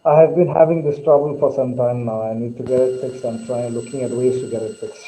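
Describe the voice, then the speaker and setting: A man talking on a video call through his laptop's webcam microphone, hesitant and filling pauses as he hosts the meeting. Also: mid-range voice, fairly even intonation, mellow, low-quality recording. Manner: hesitant, with many fillers. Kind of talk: casual video-call chat.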